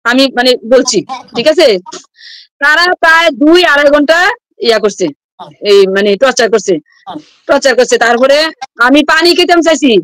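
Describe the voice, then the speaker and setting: Woman teacher, high voice, dry close sound, talks in urgent loops. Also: lively intonation, normal speed, pauses often, dry recording, rough recording. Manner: rambling, urgent, repeats herself. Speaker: schoolteacher, interview guest. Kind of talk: emotional first-person testimony.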